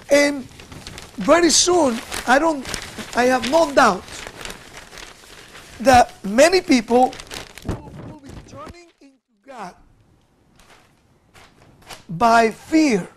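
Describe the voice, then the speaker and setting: A middle-aged man co-hosting a TV panel discussion in a studio, speaking earnestly and backing the others with short affirmations. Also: very high-pitched. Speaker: co-host. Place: TV studio set at a desk.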